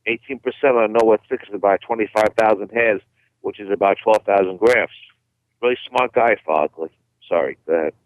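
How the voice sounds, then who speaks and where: A man's voice: lowish voice, fairly quick, no echo. A man calling in over a distorted, fuzzy phone line, talking earnestly and restarting his words often. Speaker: caller. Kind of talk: casual radio talk.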